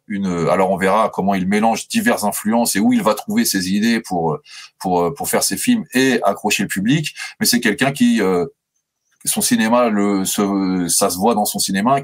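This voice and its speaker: A man with a fairly low voice co-hosts a film podcast. He talks haltingly, with many fillers and restarts. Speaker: podcast co-host.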